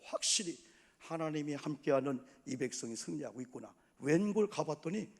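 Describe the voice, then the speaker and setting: A middle-aged man preaching a sermon as pastor, telling the story in an animated way and acting out the voices he quotes. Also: a little high, moderate pace, vocal fry, husky. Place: church sanctuary. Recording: long church hall reverb.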